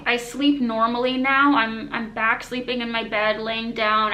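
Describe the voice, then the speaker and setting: A woman's voice: fairly high pitch, bright, forceful tone, low-quality recording. A woman vlogger giving a casual, matter-of-fact personal health update, her speech slightly constricted by braces and rubber bands.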